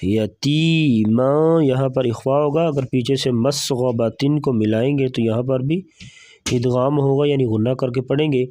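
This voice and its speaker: A man teaching Quran recitation rules word by word, explaining each point in a brisk, matter-of-fact way. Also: mid-range voice, steady tone, mellow, no room sound. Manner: breaks into slow melodic recitation between explanations. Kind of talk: tajweed lesson, explaining word by word.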